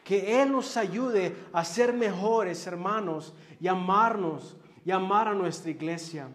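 A man preaching a sermon in a slow, earnest way, with frequent filler words. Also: high-pitched, a bit bright. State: dizzy.

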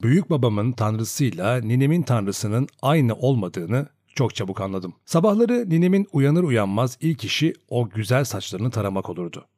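Man with lively audiobook narration. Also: medium pitch, normal speed, few pauses, no echo. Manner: expressive, dramatic storytelling.

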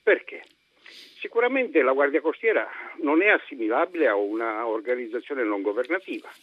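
A man's voice: medium pitch, animated, fairly quick, slight background noise. A man from Arezzo calling in to a radio show by phone, ranting in an indignant, agitated way. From Arezzo, Italy. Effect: phone call heard over a radio broadcast. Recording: muffled lo-fi phone line.

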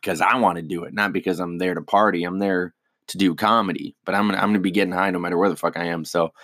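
A man's voice: deep voice, steady tone, fast, a bit bright, dry recording, studio quality. A man, a stand-up comedian, chatting casually and rambling with lots of swearing and self-deprecating asides. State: hiccups. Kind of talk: casual solo podcast chat.

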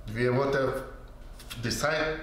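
A man who is not a native German speaker, slowly telling a personal story in broken German as an interview guest, full of pauses and quoted dialogue. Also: medium pitch, a bit bright. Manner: slow, hesitant, with many fillers and quoted dialogue. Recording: very echoey room with faint background noise.

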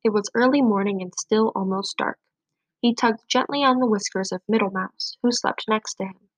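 A woman's voice: mid-range voice, normal speed, no echo, low-quality recording. Woman reading a children's storybook. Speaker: storybook reader. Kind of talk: reading a children's picture book aloud.

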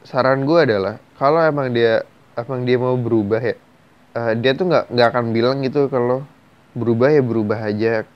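Male host, mid-pitched, frank casual advice, slightly dull lo-fi sound. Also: normal speed. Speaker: host reading and answering viewers' stories.

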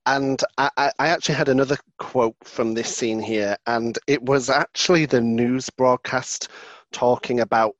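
A man's voice: medium pitch, steady tone, normal speed, dry recording, lo-fi sound. A man co-hosting a podcast, chatting casually, laughing often and acting out favourite quotes. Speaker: podcast co-host. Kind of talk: casual chat.

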